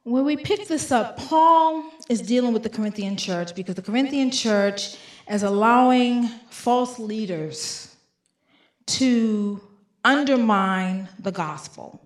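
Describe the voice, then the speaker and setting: A woman's voice: on the high side, lively intonation, slow pace, roomy sound. A woman giving a sermon, reading scripture aloud with emphatic, rising delivery on repeated lines. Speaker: preacher.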